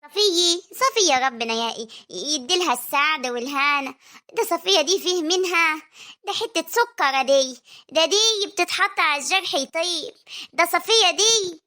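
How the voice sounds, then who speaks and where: A woman's voice: extremely high pitch, lively intonation, quick pace, sharp tone, exaggerated voice. A woman voicing a doting older village mother with a rural Egyptian accent, drawing out her words. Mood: tender. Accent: rural Egyptian Arabic.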